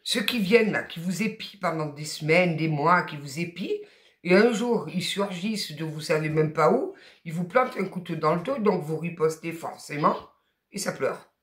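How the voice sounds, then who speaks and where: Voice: mid-range voice, expressive, normal speed, fairly bright tone, reverberant. A tarot card reader with a Southern French accent, giving a spoken guidance reading in an emphatic, colloquial and encouraging way, with blunt asides.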